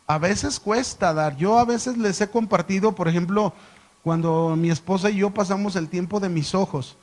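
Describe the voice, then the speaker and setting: A man's voice: sits high, normal speed, darkish tone. A middle-aged man, a pastor teaching a sermon and telling stories with questions to the congregation.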